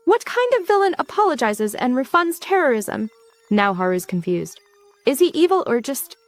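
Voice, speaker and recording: A woman's voice: medium pitch, dry recording. A woman narrating a comic story recap with playful asides to the listener. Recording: dry close recording.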